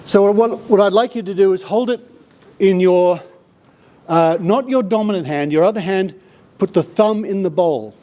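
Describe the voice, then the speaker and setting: A man's voice: high-pitched, moderate pace, mellow. A middle-aged man with an Australian accent giving a chatty, jokey live conference talk and bringing audience members up to help. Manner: jokey, chatty showman, breaks into laughs. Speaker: skeptic presenter on stage.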